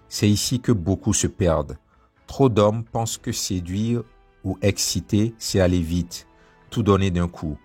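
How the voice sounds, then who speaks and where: A deep-voiced man delivers a scripted motivational voice-over, leaning on each word in a slow, commanding way. His tone is husky and breathy, and soft music plays faintly behind him. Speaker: motivational narrator.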